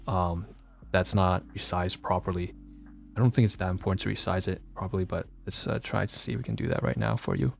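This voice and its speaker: Talking into his phone for a casual livestream vlog, a congested-sounding man rambles, restarting often and filling gaps with fillers. His voice sits low and has a gravelly texture.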